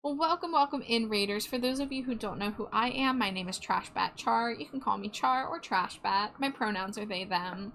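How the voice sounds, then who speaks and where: A woman hosting a casual art livestream, chatting with viewers in an expressive, welcoming way. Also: a little high, moderate pace, few pauses, slight background noise. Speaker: streamer, host of an art livestream. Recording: music behind the voice. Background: music.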